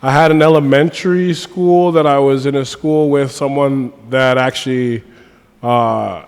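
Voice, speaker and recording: Young male coach, from Nigeria, lively slangy chat, recorded far off in a reverberant room with faint noise. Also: measured pace. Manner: animated, slangy, swings from excited to low and quiet. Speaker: guest, basketball coach. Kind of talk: casual podcast chat.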